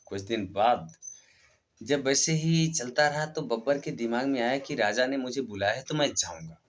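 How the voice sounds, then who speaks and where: A man's voice: mid-range voice, animated, normal speed. A man narrating a motivational fable in a plain, conversational way. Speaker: storyteller. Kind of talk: motivational storytelling.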